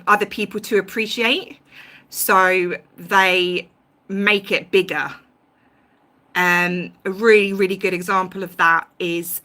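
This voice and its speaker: A woman's voice: medium pitch, sharp tone. A woman hosting a casual livestream, talking through her views at length with many ums and restarts. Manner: rambling, many ums and restarts, self-aware about tangents. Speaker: YouTube livestream host. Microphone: home livestream mic.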